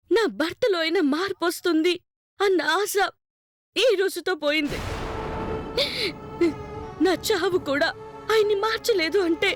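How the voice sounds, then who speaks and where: An actress playing a wronged young wife in a TV serial, speaking in earnest, reproachful speeches. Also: female voice, very high voice. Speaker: daughter-in-law. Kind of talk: TV serial acting. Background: background score.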